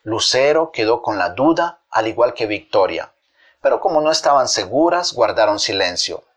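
A man's voice: medium pitch, big pitch swings, moderate pace. A man narrating a children's fable, speaking expressively and addressing his young listeners. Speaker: storyteller.

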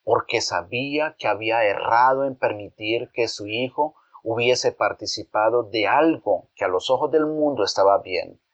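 A man's voice: medium pitch, moderate pace, few pauses. Man telling a children's Bible story. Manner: addresses the children directly with questions. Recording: dull lo-fi recording.

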